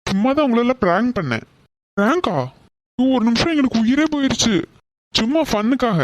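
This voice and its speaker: A woman voicing a playful, teasing young woman in an animated story, speaking in a light, mischievous way. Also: a little high, a little fast, dry recording, lightly acted. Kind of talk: cartoon voice acting.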